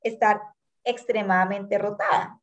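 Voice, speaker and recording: A Colombian woman in her thirties tells her own story as an interview guest. She talks earnestly and with animation, and she acts out the voices of people from her past. Her voice sits at a middle pitch. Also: steady tone, measured pace. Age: 30s. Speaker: guest, tango dancer.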